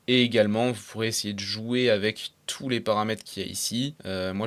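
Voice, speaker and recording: A young man talking casually through a software tutorial step by step, with frequent fillers and English terms mixed in. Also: fairly low pitch. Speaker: tutorial creator. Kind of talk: screen-recorded software tutorial.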